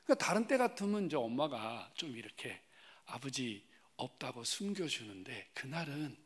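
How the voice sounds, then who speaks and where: A man preaching in a church as a guest pastor, telling a personal testimony. He swings from loud, emphatic rises to hushed, whispered asides and puts direct questions to the congregation. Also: mid-range voice, sing-song, moderate pace, slightly rough. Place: church sanctuary.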